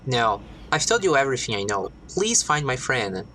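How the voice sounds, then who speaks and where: A woman's voice: rumbling low, sing-song, moderate pace, sharp tone, slight background noise, pitched below the performer's own voice, heavily acted. A woman reading a worried robot commuter. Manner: plain reading of game dialogue.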